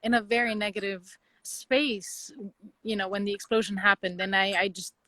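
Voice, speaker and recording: Woman, from Lebanon, bright voice, dry sound, halting, restarts often, casual interview guest. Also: medium pitch, fairly even intonation, no room sound, low-quality recording. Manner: thoughtful, halting, with many restarts. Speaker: guest designer.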